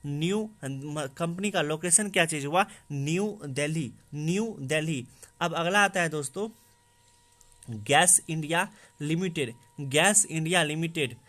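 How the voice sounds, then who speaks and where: A man's voice: on the high side, unhurried, fairly bright tone. A man, teaching exam-prep memory tricks. He drills each fact by asking a question and then answering it himself, repeating the answer several times. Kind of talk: explaining memory tricks to students.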